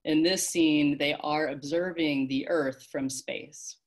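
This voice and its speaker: A woman leading an online worship service, reading a story aloud in a measured, expressive way. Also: deep voice. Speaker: worship leader.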